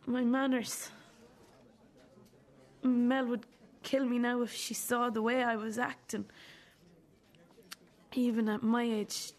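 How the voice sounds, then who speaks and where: A woman acting as a wounded, bitter adult daughter in a drama, accusing her mother in a halting, deliberate way. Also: a little high, little pitch movement. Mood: hurt, confiding. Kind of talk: dramatic two-hander dialogue.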